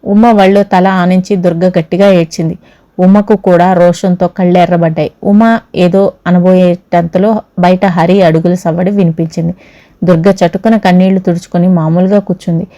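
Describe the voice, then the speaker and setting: Mellow woman reading a story. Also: lowish voice, fairly even intonation, moderate pace, dry recording, muffled recording. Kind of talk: audiobook narration.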